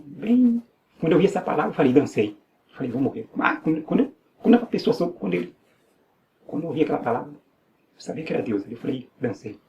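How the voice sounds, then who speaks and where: A man's voice: fairly high pitch, warm tone, highs cut off, slight background noise. A man with a Brazilian Portuguese accent giving an earnest personal religious testimony, repeating phrases and restarting often. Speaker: evangelical believer giving testimony.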